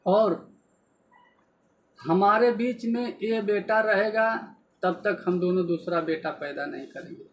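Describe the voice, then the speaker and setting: A man voicing a grieving, firm woman teacher in a spoken folk story, in a high, slow voice. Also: a little hiss or hum, low-quality recording. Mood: sorrowful, earnest. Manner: pleading, tearful storytelling voice.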